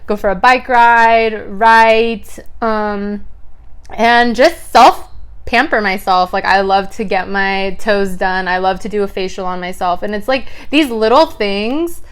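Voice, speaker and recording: A woman's voice: medium pitch, slow, clear, resonant tone. Chatty young woman eating on camera. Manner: chatty, lots of "like", chewing sounds between lines. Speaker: mukbang vlogger. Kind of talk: casual chat while eating.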